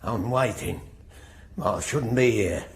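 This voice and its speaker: A man's voice: fairly low pitch, slow, vocal fry, a little hiss or hum. An actor playing a resentful middle-aged man just freed from prison, grumbling at the guards in a radio drama. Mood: impatient.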